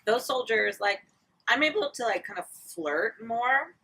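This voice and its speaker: Woman, casual comic storyteller, wry and candid, bright edge with some rasp, recorded at a distance. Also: a little high, animated, measured pace. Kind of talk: casual comedic chat.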